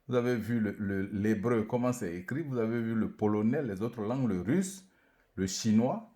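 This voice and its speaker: A man giving a lecture on a new alphabet, speaking slowly and deliberately and repeating syllables to demonstrate their sounds and tones. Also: fairly low pitch, mellow. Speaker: language teacher presenting an alphabet. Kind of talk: lecture with slow syllable-by-syllable reading drills.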